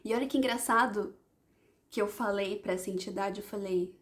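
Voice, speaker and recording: A Brazilian Portuguese-accented woman telling a personal story in a halting, reflective way, often stopping to search for words. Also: mid-range voice. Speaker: vlogger.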